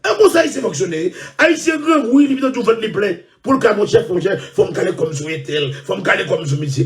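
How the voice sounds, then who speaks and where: A Haitian man with a very high voice rants on his show, his pitch swooping up and down as he repeats himself and shouts. He sounds set back from the microphone. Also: distant mic. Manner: loud, repetitive, often shouting and laughing. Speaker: show host. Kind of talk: ranting monologue.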